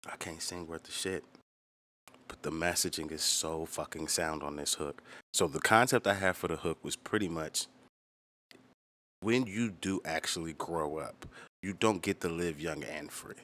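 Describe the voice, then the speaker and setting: A man hosting a music storytelling channel tells stories to viewers casually and bluntly, full of slang and swearing. His voice is deep and fairly bright at a measured pace, with a little hiss or hum in the recording.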